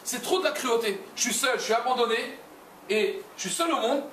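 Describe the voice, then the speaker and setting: A man's voice: extremely high pitch, a little fast, voice pushed up. A man voicing a lonely, bitter orphan boy inside a story he is telling. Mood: despairing. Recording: roomy, distant mic, noisy ambience.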